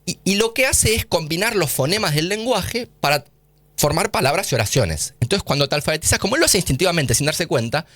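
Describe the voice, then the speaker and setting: A man's voice: fairly high pitch, a bit bright, no echo. A man with an Argentine accent, a guest scientist in a radio studio interview, explaining eagerly and using casual slang. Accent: Argentine Spanish.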